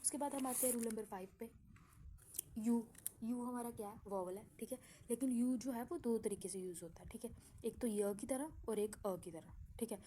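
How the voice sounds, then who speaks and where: A woman teaching an English grammar lesson, explaining slowly with examples and checking in often with the class. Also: on the high side, dark tone, a little hiss or hum.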